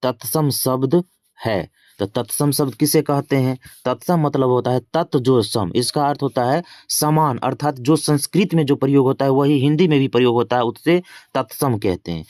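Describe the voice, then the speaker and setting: A man teaches exam grammar in a mid-pitched voice, close to a dry microphone. He asks each question twice and then answers it, keeping a casual classroom tone. The sound is plain and close, with no room echo. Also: darkish tone. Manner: casual teaching with English filler words. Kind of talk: exam-prep grammar lesson.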